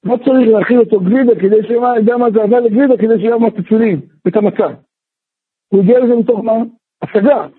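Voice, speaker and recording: A man, a rabbi, teaching a Torah class in an animated way, firing rhetorical questions and sometimes shouting. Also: high-pitched, husky, dry recording. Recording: tinny phone-like, dry.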